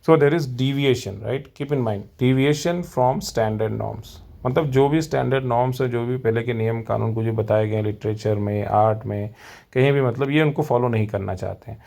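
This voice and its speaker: Indian male teacher, exam-prep lecture, unhurried delivery, repeats points. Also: medium pitch, gravelly, dark tone. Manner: explains, then repeats in Hindi, addresses learners. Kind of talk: exam-prep lecture, mixing English and Hindi.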